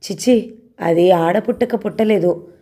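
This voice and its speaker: A middle-aged married man, flirtatious and full of self-pity, sighing over his lot, voiced by a woman reader. The voice sits low and mellow, unhurried.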